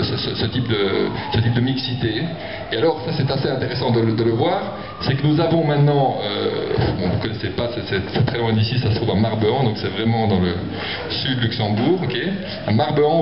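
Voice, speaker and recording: A man speaking as a developer at a public meeting, explaining himself with many stammered repetitions. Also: medium pitch. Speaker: property developer presenting a project. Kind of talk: spontaneous argument at a public meeting. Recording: echoey, muffled hall with audience noise.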